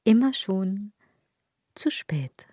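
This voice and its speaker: Heavy background noise surrounds this actress as she portrays a sardonic older woman pondering fashion and consumerism in a literary radio drama. Her medium-pitched delivery is very animated yet extremely slow, ironic and declamatory, and packed with wordplay.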